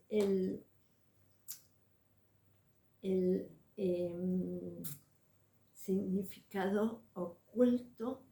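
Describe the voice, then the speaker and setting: Very slow-speaking woman teacher, echoey room. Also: medium pitch, vocal fry, warm tone. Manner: measured, pausing often to search for words. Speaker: spiritual coach and teacher. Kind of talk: slow, deliberate religious teaching.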